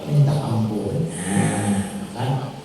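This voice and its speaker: A man's voice: fairly low pitch, extremely slow, creaky, warm tone. An older man preaching a sermon at a large religious gathering, telling stories with acted-out dialogue and chanted prayers in speech. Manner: storytelling preacher, acts out dialogue in shifting voices, chants Arabic prayers. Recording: echoey hall sound from far off.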